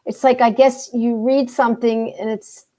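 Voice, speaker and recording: A woman's voice: on the high side, little pitch movement, moderate pace, dark tone. A woman hosting a casual group discussion over a video call, talking with enthusiasm, repeating herself and joking. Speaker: host.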